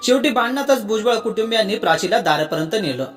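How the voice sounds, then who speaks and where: Narrator for scripted storytelling, steady and even, over soft background music. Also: medium pitch, fast.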